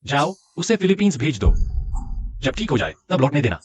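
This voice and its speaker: An actor dubbing a stern, cold young husband from a wealthy family, curt and commanding. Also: male voice, a little high, big pitch swings, moderate pace, husky. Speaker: husband in a short drama, Hindi dub. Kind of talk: dubbed drama acting.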